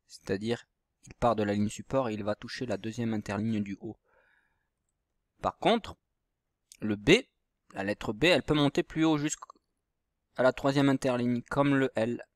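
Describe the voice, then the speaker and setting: A man's voice: medium pitch, normal speed, pauses often, no echo, clean studio sound. A male teacher patiently explaining handwriting and reading exercises step by step to young children at home. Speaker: primary school teacher. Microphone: computer mic while writing with the mouse.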